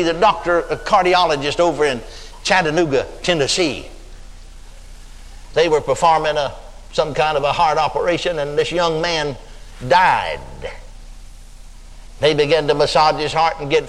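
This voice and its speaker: An older man with a Texan accent preaches a sermon in a slightly high, somewhat bright voice. He tells stories dramatically, stretching out emphatic words, and the long reverb of a church hall surrounds him.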